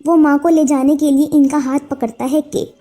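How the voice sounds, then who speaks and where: A woman's voice: high voice, flat delivery, normal speed, mellow. A woman narrating a moral story in a plain storytelling voice.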